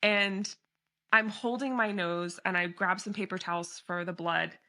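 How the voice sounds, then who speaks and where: Bright, animated woman podcast host. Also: medium pitch, measured pace. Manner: animated, laughs easily, lots of fillers. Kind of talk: casual podcast chat.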